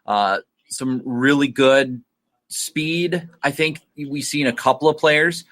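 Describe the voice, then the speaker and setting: A man's voice: mid-range voice, slow, a bit bright. A man with an ordinary mid-range voice co-hosts a casual sports podcast. He talks through his views loosely, hedging often and leaning on "you know" and "uh.". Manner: hedging, filler-heavy analysis. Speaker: podcast co-host.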